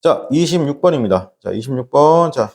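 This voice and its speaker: A man's voice: mid-range voice, animated, moderate pace, darkish tone. A man lecturing a class on exam English, blunt and scolding, who keeps throwing rhetorical questions at his students. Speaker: English lecturer for transfer exams.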